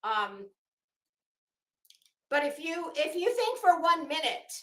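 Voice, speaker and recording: This middle-aged woman, host of an online commentary show, has a high, very animated and fairly bright voice, and she speaks slowly. Her casual commentary is opinionated, sarcastic and sassy, with words drawn out for emphasis, in a roomy, echoing recording.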